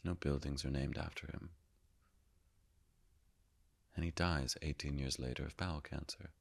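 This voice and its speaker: An actor playing the Higgs boson as a calm, all-knowing narrator, telling his story in a measured way and sinking often into hushed whispers. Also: very deep voice, vocal fry, exaggerated voice. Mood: wry storytelling. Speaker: actor performing a stage monologue. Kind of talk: theatrical monologue.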